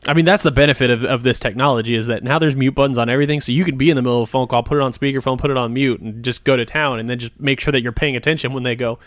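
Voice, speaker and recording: A man's voice: mid-range voice, fairly even intonation, very fast, hardly any pauses, no room sound, clean studio sound. A man co-hosting a podcast, talking bluntly and jokily in casual chat. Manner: blunt, laid-back, jokey. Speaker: podcast co-host.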